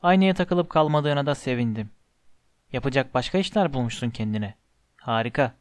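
A man voicing a kindly old headmaster, soft and low. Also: lively intonation, normal speed, no room sound, studio quality, lightly acted. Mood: gentle. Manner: soft, quiet, lowered voice. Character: kindly elderly male headmaster, gentle.

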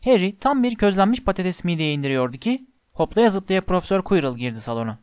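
A man narrating a storybook in an even, measured way. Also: high voice, no room sound, clean studio sound. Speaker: audiobook narrator.

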